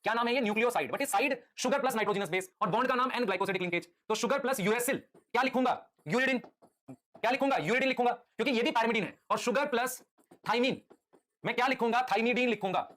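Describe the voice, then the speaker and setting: A male teacher giving a live lecture, patiently quizzing his students with quick repeated questions and calling them "beta". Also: extremely high pitch, a bit bright.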